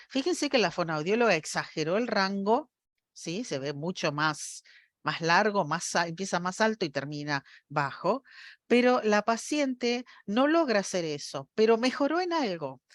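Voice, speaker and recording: A woman's voice: mid-range voice, big pitch swings, moderate pace, no room sound, clean studio sound. A woman gives a university lecture, explaining step by step and often checking that her audience follows. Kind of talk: academic lecture.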